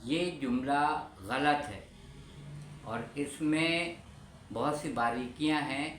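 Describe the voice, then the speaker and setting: A man giving a religious lecture in a measured, explanatory way, pausing on key terms. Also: medium pitch, a bit bright, slight background noise. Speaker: religious speaker. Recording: echoey room with faint ambience.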